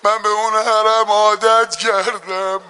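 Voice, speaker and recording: A man leading a religious mourning gathering. He moves between drawn-out chanted lament lines and quick, hushed storytelling. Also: sits high, flat delivery, smooth.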